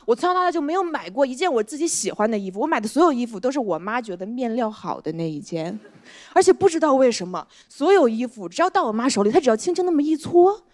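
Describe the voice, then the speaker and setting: A woman performing a stand-up comedy set on a studio stage, talking conversationally with deadpan punchlines and often asking the audience "you know?". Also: a little high, no room sound. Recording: stage mic with loud audience laughter.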